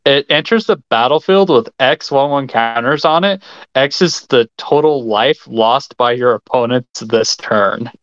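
Man, casual host chat, excitable, laughs a lot, muffled dry recording. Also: medium pitch, unhurried, no room sound.

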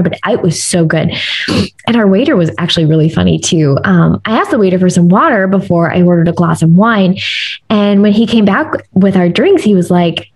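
A young woman from the United States tells personal stories in a relaxed, chatty way, speaking straight to her listeners. Her voice is slightly husky and breathy, and sits at an ordinary pitch for a woman. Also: low-quality recording. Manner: chatty and candid, addresses listeners directly. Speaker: vlogger sharing personal stories. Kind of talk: casual first-person storytelling.

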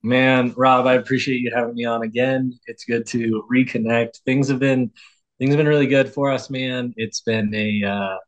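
A man's voice: medium pitch, steady tone, moderate pace, lo-fi sound. A man who roasts coffee talking as a podcast guest, easygoing and rambling. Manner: rambling and easygoing, many fillers. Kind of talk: casual interview talk.

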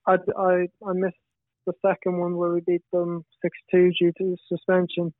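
Young male, west of Ireland accent. Very monotone, understated interviewee on a dry, narrowband line. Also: sits high, moderate pace, no room sound. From Galway, west of Ireland. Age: young adult. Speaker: footballer, podcast guest. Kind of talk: casual interview answers. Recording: tinny band-limited radio-like line.

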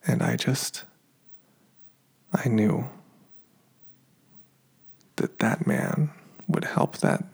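A man's voice: medium pitch, very slow, vocal fry, long pauses, slightly rough. A man with an American accent hosting a podcast in a casual solo chat. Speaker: podcast host.

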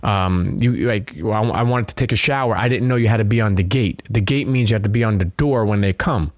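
A man's voice: fairly low pitch, a little fast, dry recording. Brooklyn-accented man, streetwise and dry-miked. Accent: Brooklyn New York. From Brooklyn, New York. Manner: streetwise, profane, frequent "you know". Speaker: interview guest. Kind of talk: candid conversational storytelling.

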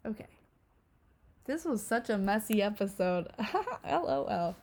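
Very animated and measured in pace, her medium-pitched voice has a darkish tone, with slight background noise. She's a podcast host in her 20s giving a rambling, emotional solo monologue full of "like"s.

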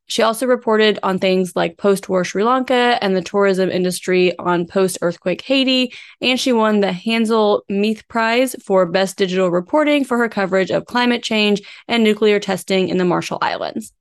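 A woman's voice: mid-range voice, moderate pace, hardly any pauses, clear, resonant tone. A woman co-hosting a true crime podcast, telling the case in an informal, conversational way from researched notes. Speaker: podcast co-host. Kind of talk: true crime podcast, case narration mixed with casual chat.

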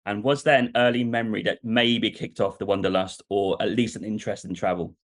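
Speaking fairly quickly in a fairly low, steady voice, a man hosts a casual podcast interview, posing long and rambling questions.

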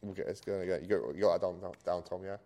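Male interview host, deep voice, matey British slang, casual conversational delivery. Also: fairly even intonation, racing, mellow. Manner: chummy, colloquial British slang. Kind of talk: casual chat.

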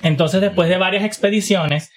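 Man with a fairly high voice, podcast co-host, animated storyteller who talks in quick bursts. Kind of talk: casual chat.

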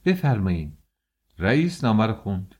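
A man reads an audiobook in a deep, low voice, telling the story with a lively, animated delivery. His pitch swings widely as he acts out the scenes. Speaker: audiobook narrator. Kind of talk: storytelling narration.

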